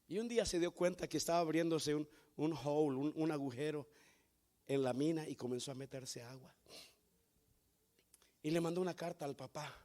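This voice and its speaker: Brief: a male pastor, high-pitched, storytelling sermon style with emphatic crescendos. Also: moderate pace, pauses often. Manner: storytelling preacher, repeats "hermano", builds to loud emphatic peaks. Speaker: founding pastor.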